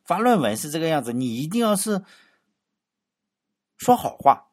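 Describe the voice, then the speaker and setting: A man's voice: fairly high pitch, sing-song, moderate pace. A man giving a casual spoken history lecture, chatty and wry, full of rhetorical questions and fillers. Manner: wry, mocking asides.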